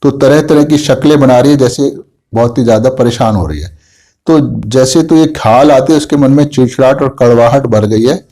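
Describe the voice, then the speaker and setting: Man, homeopathic doctor, case lecture, dark mellow tone, retells what a patient said. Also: mid-range voice, normal speed. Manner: retells a patient's words, then explains them.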